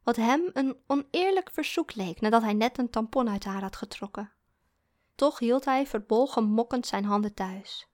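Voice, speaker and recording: A woman reads adult fiction aloud in a calm, even storytelling voice. Her pitch sits a little high for a woman. The delivery is a steady audiobook narration. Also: normal speed.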